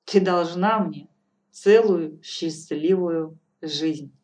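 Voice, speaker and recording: A woman's voice: lowish voice, extremely slow, a little mellow. Woman voicing a blunt old fortune-teller. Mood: cheerful. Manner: cool, matter-of-fact, firmly lecturing. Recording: distant from mic, faint music behind.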